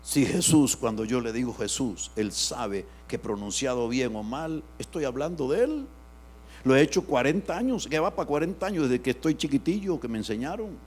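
A man preaches a sermon, his voice in the middle of the usual range for a man. He swings between loud bursts and soft, hushed asides. A low mains hum runs under the recording. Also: animated, normal speed. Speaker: pastor.

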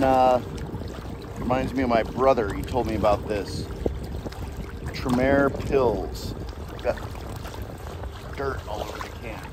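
This fishing vlogger has a mid-range voice and talks casually from a boat on a lake, tasting drinks as he films. The background is noisy, but his commentary is relaxed and laid-back, typical of a casual outdoor vlog.

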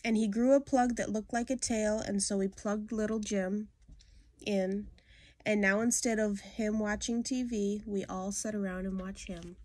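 A young adult woman reads children's poems aloud to kids in an informal storyteller style, in a small indoor room. Her medium-pitched, slightly mellow voice is unhurried with fairly even intonation, and the recording is dry.

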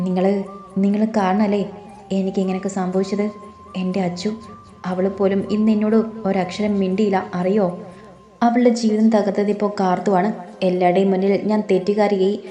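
A woman's voice: medium pitch, flat delivery, a little fast, mellow, reverberant, soft background music, close to an everyday voice. Woman reading as a tearful wronged young bride. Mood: pleading. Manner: pleading, tearful.

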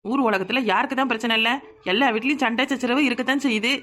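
A woman plays a skinny, sharp-tongued village woman in a comic cartoon, with a Kanyakumari Tamil accent. Her voice is high and bright, and she mocks and lectures her friend without pause. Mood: lecturing. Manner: scolding, mocking, lecturing.

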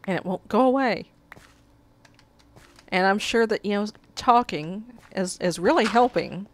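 With slight background noise, an animated woman speaks a little slowly in a mid-range voice while playing a video game. She's got a cold and a cough drop, reads the quest text aloud, and swears at her mishaps in this let's play.

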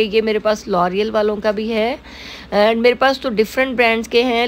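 A woman's voice: mid-range voice, a little hiss or hum. A middle-aged woman with a Pakistani Urdu accent, a makeup artist narrating a casual tutorial, talking in a chatty way with many filler phrases. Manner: chatty, repeats "jo hai woh" fillers. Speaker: makeup artist and salon owner.

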